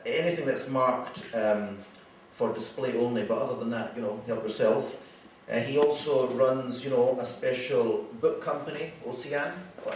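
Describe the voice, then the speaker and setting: Hosting an event in an echoey hall, a Scottish man from Glasgow introduces speakers in a hesitant way, full of ums and fresh starts. His mid-range voice has a darkish tone, and he's distant from the microphone, with a bit of background noise.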